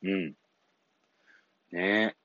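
A man's voice: deep voice, fairly even intonation, drawn-out words, pushed and bright, no echo, muffled recording. A man hosting an English-coaching podcast, talking casually and rambling, often chuckling and apologizing as he loses his thread. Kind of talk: casual solo podcast talk.

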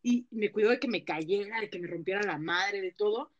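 A woman's voice: mid-range voice, a little fast, dull audio. A young woman with a Mexican accent, co-hosting a casual chat and telling stories in a slangy way, full of fillers. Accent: Mexican Spanish. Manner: chatty, slangy storytelling with many fillers. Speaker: podcast co-host.

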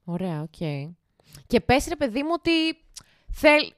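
A woman's voice: sits high, very animated, fairly bright tone, no room sound, clean studio sound. A young woman from Larisa, hosting a podcast in casual chat, teasing and laughing often. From Larisa, Greece. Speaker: podcast host.

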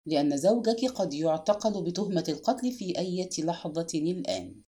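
A woman reading aloud and voicing a calm, shrewd old spinster detective who speaks low, slow and measured. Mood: grave, knowing.

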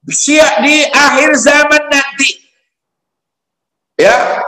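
Stern archangel, very high and strained, blunt slangy scolding, echoey room. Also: male voice, steady tone, extremely slow, sharp tone, exaggerated voice.

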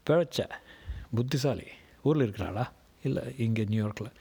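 Brief: cynical, lecturing immigrant businessman, read by the male narrator; low, husky delivery. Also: normal speed, dark tone. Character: embittered middle-aged immigrant businessman. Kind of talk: audiobook narration.

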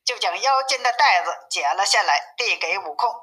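A woman reading a classic novel aloud as a storyteller, in steady, even narration, with a tinny phone-like sound. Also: medium pitch, moderate pace.

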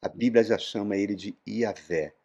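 A man preaching a sermon. He tells the story with emphatic swings in loudness and acts out the quoted voices. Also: fairly low pitch, moderate pace, muffled recording. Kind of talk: sermon teaching.

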